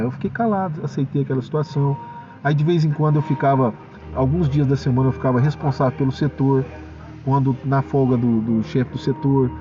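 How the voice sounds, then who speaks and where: A young Brazilian man giving a personal testimony at church, telling his story in an animated way and acting out the dialogue. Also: a little high. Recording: distant mic, dull sound, faint noise.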